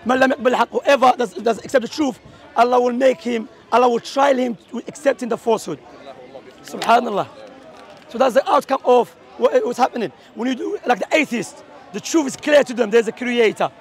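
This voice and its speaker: A man from Algeria preaching in a street debate, talking forcefully and mixing English with Arabic quotations. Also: very high voice, vocal fry. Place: outdoors at a public speaking corner.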